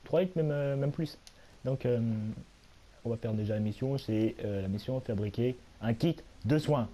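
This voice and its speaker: Hoarse young man rambling over a game. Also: mid-range voice, moderate pace, dark tone. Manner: rambling, self-mocking, many restarts. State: hoarse, a little sick. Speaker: gaming YouTuber. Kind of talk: casual let's-play commentary.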